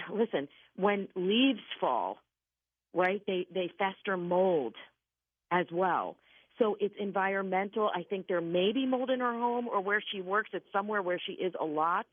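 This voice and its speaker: A woman guesting on a radio call-in show gives conversational psychic readings, speaking emphatically and reassuringly and repeating her key points. Her voice is medium-pitched with no echo, heard over a narrow, phone-like line.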